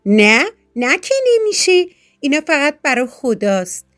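A woman voicing a greedy, sharp-tongued crow in a children's story, speaking curtly and scolding. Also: a little high, animated, faint music behind, natural voice. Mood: snappish. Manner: curt, scolding.

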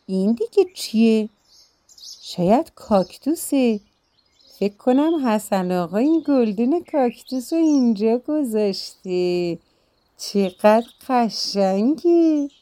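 A woman's voice: a little high, animated, warm tone, close to an everyday voice. A woman playing a fussy older housewife. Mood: curious. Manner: exclaiming, fussy and motherly. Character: flustered older housewife, shrieking easily.

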